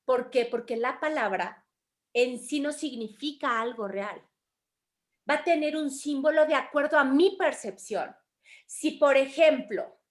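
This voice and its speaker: Woman, Mexican accent, teacher, high voice, animated, expressive, warmly addressing students. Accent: Mexican Spanish. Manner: animated, acts out quoted voices, calls students affectionately. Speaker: spiritual study group teacher. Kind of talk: teaching a course in an online group class.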